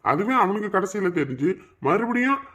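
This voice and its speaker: A man playing a stubborn father who defends his choices in a calm, dismissive way. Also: high-pitched, brisk.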